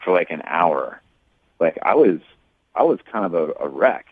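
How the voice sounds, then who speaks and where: A man's voice: low voice, big pitch swings, moderate pace, no room sound. A man calling into a radio show, talking in a rambling, hesitant way with many restarts. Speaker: caller. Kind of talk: phone call on a radio show. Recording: tinny phone line.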